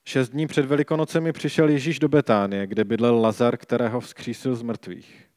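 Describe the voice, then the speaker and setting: A man reading a Bible passage aloud and reflecting on it in a calm, measured way. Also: medium pitch, dry recording, clean studio sound. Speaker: scripture reader and preacher.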